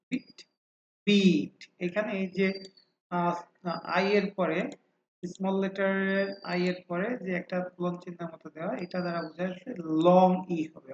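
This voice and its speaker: A man teaching English pronunciation in a classroom-style lecture. He patiently repeats example words many times and pauses often with hesitant fillers. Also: sits high, slight background noise. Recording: roomy, dull lo-fi sound.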